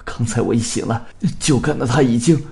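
A man voicing a frightened, feverish young man who stammers and calls out in a high, strained voice. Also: fairly quick, creaky, darkish tone, lightly acted. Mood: shaken.

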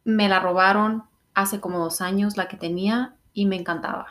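A woman's voice: medium pitch, steady tone, normal speed, a bit bright. A young adult woman with a Mexican accent, co-hosting a podcast in a chatty, informal, playful way. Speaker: podcast co-host. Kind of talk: casual chat.

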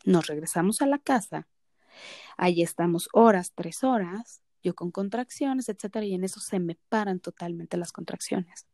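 Woman, thirties, casual storytelling, acts out dialogue, relaxed low-brightness tone. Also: normal speed, no echo, studio quality. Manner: animated, acts out quoted dialogue. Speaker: podcast co-host.

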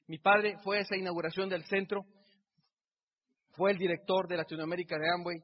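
Speaking fairly quickly with a flat delivery, this middle-aged man from Mexico uses repeated phrases to build up an emotional motivational speech. His high voice is husky. The sound is dull, captured in an echoing hall.

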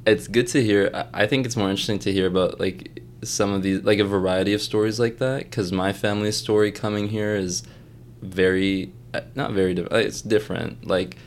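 Young man, low voice, casual rambling podcast guest, faint background noise. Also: steady tone. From Egypt. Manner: chatty, heavy use of "like", quick laughs. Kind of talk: casual conversation.

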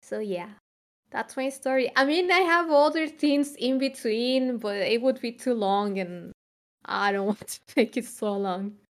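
A young woman from Chile chatting on a podcast in a slightly high voice. She talks reflectively and loosely, pausing on fillers and restarting her sentences as she goes. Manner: reflective, rambling with frequent fillers. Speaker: podcast co-host. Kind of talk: casual podcast chat.

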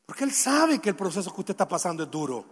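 A man preaching a sermon, swinging from loud pleading to hushed, tender stretches. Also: high-pitched, very animated, fast, husky. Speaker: pastor. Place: church hall. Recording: long reverb of a large hall.

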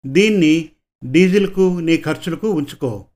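A man's voice: a little high, measured pace, darkish tone, close to an everyday voice. A man reading a story, voicing a friendly, good-humored young police sub-inspector. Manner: easygoing, smiling. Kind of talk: audiobook character voice.

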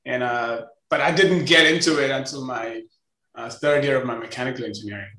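Speaking fairly quickly in a medium-pitched voice that sounds pushed and bright, a Chennai-born Indian man in his forties swaps casual stories as a guest on an interview. He co-founded a company and has an Indian accent, and the sound is reverberant.

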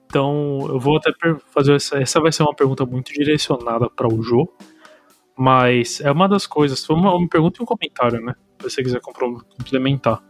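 A man's voice: medium pitch, fairly quick, soft background music. A man with a Brazilian accent hosting a casual podcast chat, talking in a loose, slangy way. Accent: Brazilian Portuguese. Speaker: podcast host.

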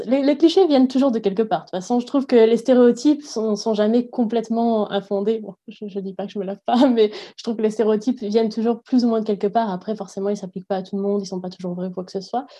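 A woman's voice: on the high side, steady tone, fast, hardly any pauses, mellow. A woman from France, a guest in a casual interview, thinking aloud in a reflective way with frequent hesitations.

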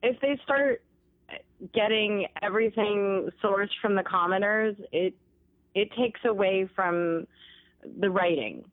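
A woman's voice: medium pitch, takes it slowly. A woman talking over a phone line on speakerphone, chatty and giggly, with lots of "like" fillers, as a guest in a casual phone interview.

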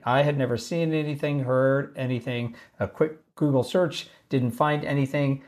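A podcast host with a mid-range voice explains ideas about leadership calmly and measuredly in solo podcast talk. Away from home, he's using a basic mic normally meant for video calls instead of his usual studio mic, so the audio sounds like a lower-quality laptop stream rather than a clean studio recording.

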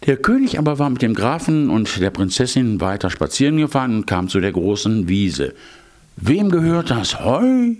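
An older man, a grandfather, telling a fairy tale with slow, gentle storytelling and chatty asides. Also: on the low side, expressive. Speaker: grandfather reading fairy tales.

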